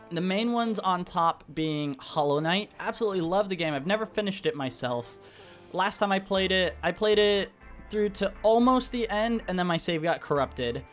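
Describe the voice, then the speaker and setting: A young man hosting a gaming channel, giving a casual, rambling update with lots of restarts and fillers. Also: fairly high pitch. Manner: rambling, self-correcting, laid-back. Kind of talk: casual update vlog over gameplay. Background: soft background music.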